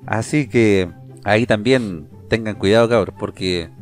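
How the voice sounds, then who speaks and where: A man's voice: on the low side, measured pace, faint music behind. A man with a Chilean accent, co-hosting a podcast, reading odd news items and joking about them in casual slang. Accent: Chilean Spanish. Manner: reads news items, then jokes in slang. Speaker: podcast co-host. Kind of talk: casual comedic chat.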